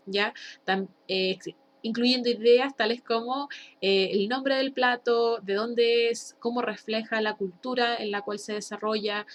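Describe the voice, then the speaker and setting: A woman's voice: a little high, a bit bright, a little hiss or hum. Woman teacher drilling pronunciation, Chilean accent. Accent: Chilean Spanish. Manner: switches English and Spanish, drills pronunciation slowly and emphatically. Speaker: high school English teacher. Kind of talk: recorded bilingual online lesson.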